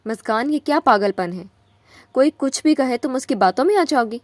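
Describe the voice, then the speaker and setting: A woman narrating a spoken romance novel voices a possessive young husband who begs quickly and forcefully. Her delivery is urgent and close, fairly high and dry, with lively intonation and no room sound, full of desperate pleading.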